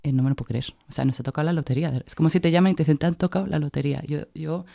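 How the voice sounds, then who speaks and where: Gravelly, animated woman. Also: sits low, very fast, dry recording. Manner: animated, acts out quoted dialogue. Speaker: yoga teacher, co-host. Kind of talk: casual conversational storytelling.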